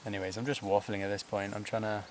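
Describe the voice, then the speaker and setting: A man with a lowish voice vlogs while scaling a steep trail, speaking quickly with little pitch movement. He's winded, rambling loosely with fillers and laughter, while insects buzz and a faint hiss or hum sits under the audio.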